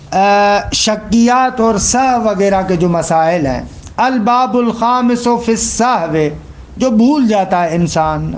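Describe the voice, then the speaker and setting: High-voiced male religious teacher, methodical lecture delivery. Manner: explains step by step, checks understanding with questions; recites quoted text slowly and deliberately.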